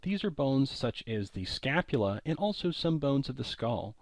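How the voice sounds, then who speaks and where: A man giving a recorded college lecture, explaining terms clearly and often recapping earlier points. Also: medium pitch, big pitch swings, normal speed, darkish tone, no echo.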